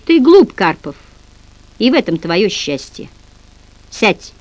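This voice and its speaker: A woman's voice: medium pitch, sing-song, slow pace, a little mellow, no echo, rough recording. A woman voicing a menacing older male privy councillor, stern and commanding.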